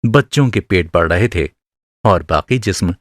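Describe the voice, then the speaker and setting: For a radio drama, a low-voiced man reads a literary short story with measured expression and deliberate phrasing. The recording is studio quality, free of any room sound.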